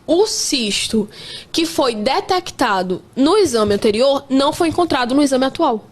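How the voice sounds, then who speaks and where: A woman's voice: sits high, animated, normal speed. A woman in her twenties, pregnant, telling her faith testimony in an earnest, emphatic casual way. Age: 20s. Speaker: guest sharing a testimony.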